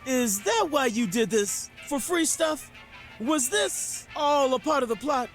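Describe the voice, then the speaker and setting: Very high, paranoid cartoon shopkeeper. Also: male voice, lively intonation, measured pace, fairly bright tone, faint music behind, heavily acted. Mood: agitated suspicion. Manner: accusing, agitated. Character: jumpy, suspicious paranoid male cartoon shopkeeper. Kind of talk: video game character acting.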